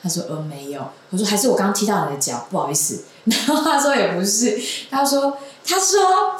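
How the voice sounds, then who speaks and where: A young woman tells a long story as a guest in a casual chat, rambling and giggling as she goes. Her pitch swings widely and lively. The room around her rings with heavy echo. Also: quick pace. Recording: roomy echoing room.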